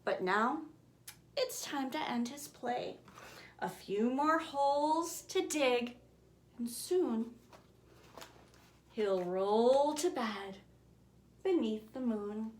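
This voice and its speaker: The author of a rhyming children's bedtime storybook reads it aloud herself, dramatic and expressive, shifting between booming volume and hushed whispers. Her rhymes come slowly, rhythmically and deliberately, and the recording has a roomy echo.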